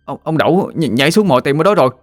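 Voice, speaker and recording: Man playing a panicky stammering boy; quick, raised pitch, dry read. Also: no room sound, lightly acted. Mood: frightened. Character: frightened young boy, stammering.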